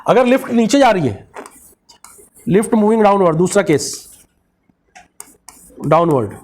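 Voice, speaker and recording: A man's voice: high-pitched, very animated, measured pace, darkish tone. A man teaching a physics lecture with a Marathi-influenced Hindi accent. He mixes English technical terms into his speech, asks the class questions and answers them himself.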